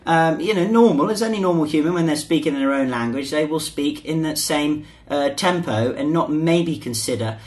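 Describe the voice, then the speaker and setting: Man, higher voice, chatty, casual podcast co-host. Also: moderate pace, hardly any pauses. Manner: chatty, repeats himself, sings a short jingle.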